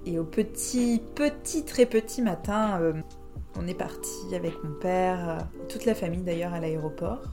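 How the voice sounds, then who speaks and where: A woman's voice: on the low side, normal speed, over music. A woman from France, host of a podcast, telling a personal travel story in a reflective, hesitant way with frequent fillers.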